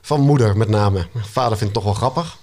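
A man, a children's book author, talking casually as a guest, with a relaxed manner, frequent hesitations and an occasional chuckle. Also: lowish voice, a little fast. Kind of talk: casual conversation.

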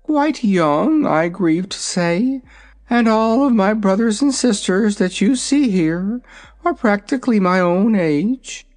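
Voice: mid-range voice, expressive, slow, a little mellow, pitched above the performer's own voice. A storybook reader voicing a proud, hungry young dragonette in a lofty, matter-of-fact manner. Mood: haughty.

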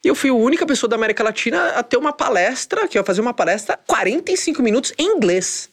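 A man with a Brazilian Portuguese accent, chatting casually and telling stories in an animated, slangy way. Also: very high-pitched, rapid-fire. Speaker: podcast guest. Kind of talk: casual chat.

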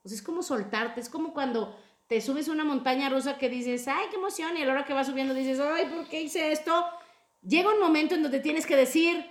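A woman hosting a casual podcast chat about emotions, talking in an expressive, playful way. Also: sits high, fast talker, reverberant. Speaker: podcast host.

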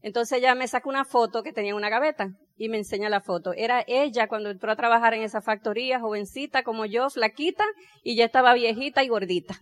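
A middle-aged woman, telling her life story in a lively way and acting out the dialogue. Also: fairly high pitch, fast talker. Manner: animated, acts out dialogue, laughs while telling. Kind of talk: personal storytelling talk.

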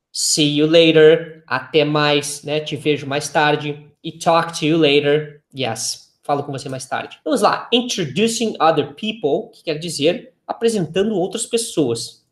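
A Brazilian teacher gives an online English lesson in an unhurried, measured voice of middle pitch. Each English phrase is pronounced carefully and slowly for the listener to repeat, between quiz questions and encouraging asides. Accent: Brazilian Portuguese.

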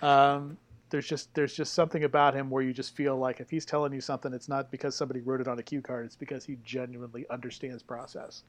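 A man's voice: mid-range voice, little pitch movement, quick pace. A man chatting casually as a panelist, earnest in his praise and playful with jokes. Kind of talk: casual chat.

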